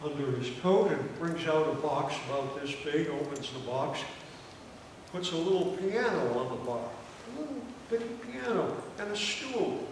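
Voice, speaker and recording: An older man hosting a comedy night, telling long jokes slowly with fillers and restarts to a live audience. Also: on the high side, lively intonation. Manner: slow, meandering joke-telling with fillers and restarts. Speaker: comedy show host. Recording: echoey hall, distant mic, background noise.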